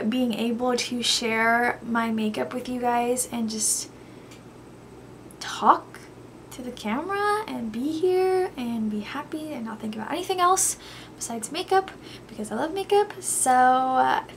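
A woman's voice: high-pitched, lively intonation, slow, fairly bright tone, slight background noise. A young woman doing a chatty, gushing makeup tutorial vlog, sounding a little tired. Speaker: beauty vlogger.

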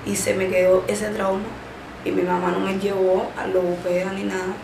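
This is a young Cuban Spanish-accented woman, about twenty-something, recounting personal experiences in an interview with a stammer and plenty of drawn-out fillers. Her medium-pitched voice is gravelly and flat in delivery. The recording, made as she sits in a small room indoors, is echoey with noise behind her.

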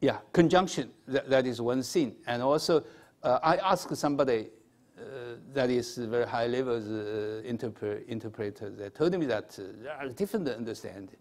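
A man in his sixties with a Chinese accent, giving a formal lecture at a podium in a halting, hesitant manner with repeated words. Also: mid-range voice, darkish tone. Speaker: academic conference speaker. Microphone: podium microphone.

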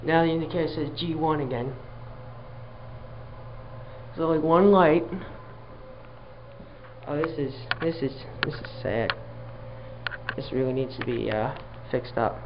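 Riding a small elevator, a man films on a handheld camera and offers dry, exasperated running commentary. His voice is a little high and unhurried, with long pauses, and the camera mic gives dull lo-fi audio with a faint hum.

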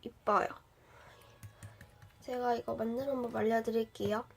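With a little high voice, a steady tone, measured pace, and vocal fry, a young woman presents slime in a chatty show-and-tell vlog, using plenty of fillers and addressing viewers with questions. A slight cold changes her voice a bit; the home recording is noisy.

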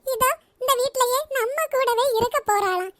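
Cartoon role: very high-pitched doting old grandmother, fond and teasing, voiced by a woman. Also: moderate pace, a bit bright. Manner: fond, calls granddaughter dear, chuckling. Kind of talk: cartoon voice acting.

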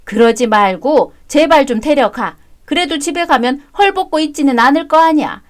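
A woman voicing a bossy older mother-in-law who scolds and demands in sharp bursts. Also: high voice, animated, normal speed, pitched above the performer's own voice. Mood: complaining.

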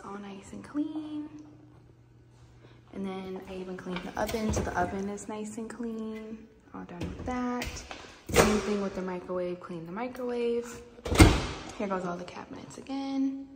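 A young woman, chatting casually as she films a tour of her empty apartment on a handheld phone. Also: mid-range voice. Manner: chatty, quick, casual, repeats "here goes". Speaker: vlogger. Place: empty apartment with bare hard floors. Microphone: handheld phone camera at arm's length. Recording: echoey empty rooms, noisy.

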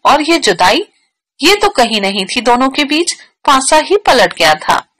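A woman narrating a novel aloud in an expressive storytelling manner. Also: high-pitched, measured pace, rough recording. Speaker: audiobook narrator.

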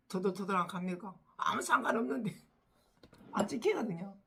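An older woman from the Gyeongsang region with a Gyeongsang accent, chatting casually to camera at home over morning coffee. She teases her husband, laughs often and sometimes drops to a soft murmur. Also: mid-range voice, vocal fry. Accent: Gyeongsang Korean. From Gyeongsang region, Korea. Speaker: vlogger, home caregiver.

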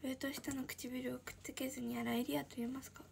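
Soft-whispering high-voiced young woman. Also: little pitch movement, brisk, a little hiss or hum. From Shizuoka, Japan. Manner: soft-spoken, often drops into a breathy whisper. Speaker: idol livestreamer. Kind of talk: casual livestream chat reading viewer comments.

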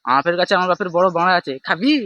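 A man's voice: high-pitched, rapid-fire, dull audio, heavy background noise, lightly acted. A young man playing a lazy jobless village lad in a comedy sketch, swearing and bickering.

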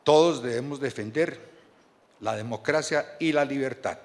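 A mid-range male voice belonging to a Colombian board chairman reads a formal speech at a stand-mounted podium mic. He is earnest and measured, sticks to his notes with small restarts, and speaks in a large banquet hall.

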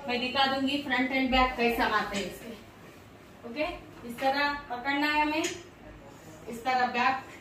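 Addressing viewers in an upbeat, chatty way, a woman in her thirties demonstrates machine exercises for her fitness vlog, her high voice steady, unhurried, a bit bright and broken by long pauses. The camera is a few steps off in a bare, very echoey small home gym, making her sound distant and boomy. A little hiss or hum can be heard.

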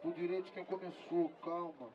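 A man hosting a freestyle rap battle outdoors, shouting chants to the crowd in heavy slang and calling out the judges' votes. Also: on the high side, fairly even intonation, normal speed, highs cut off. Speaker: battle host. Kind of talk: hyping a crowd, announcing scores. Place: outdoor city square. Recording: distant mic with crowd noise. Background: cheering crowd.

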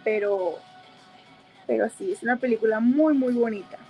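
A woman's voice: on the high side, normal speed, warm tone, faint music behind, poor audio. A woman with a Mexican accent who chats casually while applying makeup, giggling and leaning on fillers as she talks. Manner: chatty, giggly, full of o sea fillers. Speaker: makeup seller and host.

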